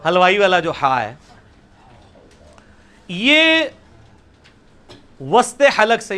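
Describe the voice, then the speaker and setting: High, bright Punjabi-accented male teacher. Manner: demonstrates sounds by repeating them slowly and loudly, drills students by name. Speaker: religious teacher. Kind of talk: classroom lesson on Quranic pronunciation.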